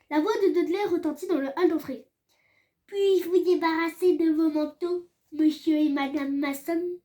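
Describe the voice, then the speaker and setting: A woman reading a novel aloud as an audiobook, calm and measured. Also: very high voice. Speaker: audiobook reader.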